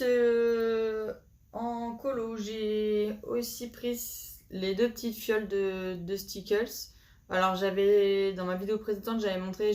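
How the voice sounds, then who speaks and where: A woman's voice: mid-range voice, darkish tone. A woman vlogger chatting casually about her new coloring supplies, hesitant and full of fillers and restarts. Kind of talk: casual chat to camera.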